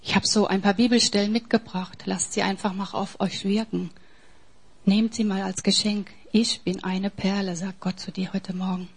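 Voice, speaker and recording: Woman, preacher, sermon, breathy, emphatic, soft to forceful. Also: mid-range voice, little pitch movement, normal speed.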